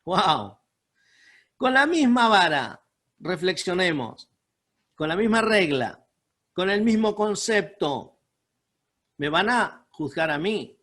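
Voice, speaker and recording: A man's voice: sits high, big pitch swings, slow, pauses often, fairly bright tone. A man preaching a Sunday sermon, speaking emphatically and breaking into pleading, prayer-like lines. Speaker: pastor. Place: home room over a video call. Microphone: video call mic.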